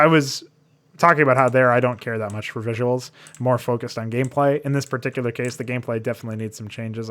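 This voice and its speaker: A man's voice: mid-range voice, a bit bright. A man reviewing a game map in casual commentary, thinking aloud with frequent fillers and restarts, blunt and now and then profane.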